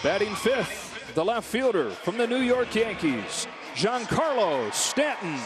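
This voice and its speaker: Man doing arena announcer lineup calls, high and very animated, stretches names out, music blasting behind. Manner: dramatic announcing with drawn-out names. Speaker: stadium public address announcer. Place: large open-air stadium, over the PA. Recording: stadium PA under loud music.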